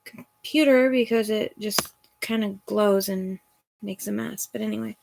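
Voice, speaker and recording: A woman's voice: medium pitch, steady tone, a little slow, vocal fry, background noise. A woman tarot reader chatting casually on a home livestream, rambling with ums and self-corrections. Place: at home at a computer. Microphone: phone or computer mic.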